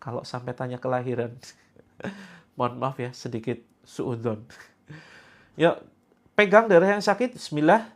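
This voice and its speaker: A preacher in his sixties, speaking with medium pitch, leads a healing session for a live gathering while playfully teasing and joking with those present.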